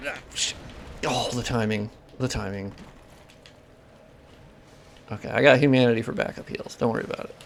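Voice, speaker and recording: A man's voice: mid-range voice, moderate pace, gravelly, pauses often, slight background noise. A man streaming gameplay live, talking casually with his viewers, swearing freely and explaining technical details between reactions. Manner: casual and profane, chatting with viewers while playing. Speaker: game streamer.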